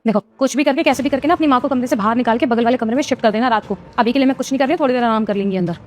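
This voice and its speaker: A woman's voice: a little high, racing, lightly acted. A woman playing a stubborn, selfish young wife who insists on getting her way. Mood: insistent. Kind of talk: Hindi family drama acting.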